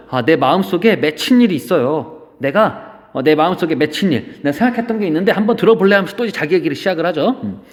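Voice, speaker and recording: A man's voice: fairly high pitch, big-room sound. A male literature teacher giving a lesson, explaining an old poem through playful, casual modern paraphrases. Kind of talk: classroom-style lecture.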